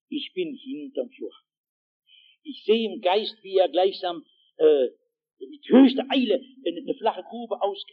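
A man preaching a sermon as dramatic storytelling, repeating phrases for effect, on a dull lo-fi recording. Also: a little high.

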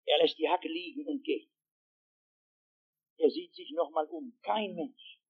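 Slow, high-voiced male preacher. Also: slightly rough. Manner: dramatic storytelling, repeating phrases. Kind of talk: sermon. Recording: dull lo-fi recording.

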